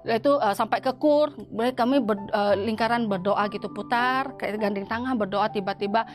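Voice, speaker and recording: Woman, testimony interview, higher pitch, halting with many restarts, soft music underneath. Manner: halting, with frequent restarts and repeated words. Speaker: church member giving a testimony.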